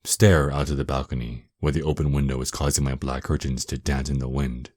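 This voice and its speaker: A man playing a dominant, seductive, menacing male vampire lord in an ASMR roleplay, with a very deep voice and a possessive, taunting, mock-tender manner. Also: little pitch movement, fairly quick, a little mellow, no room sound, clean studio sound. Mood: softly menacing, seductive. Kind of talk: ASMR roleplay, intimate scripted monologue.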